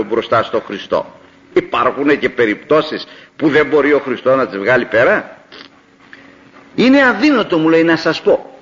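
An older man from Greece, a preacher telling a story in a sermon, acting out the dialogue with animated delivery. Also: a little high. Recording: dull lo-fi old recording.

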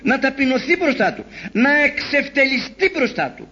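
A man preaching a sermon in an animated storytelling way, acting out the voices he quotes. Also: very high voice. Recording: dull lo-fi recording.

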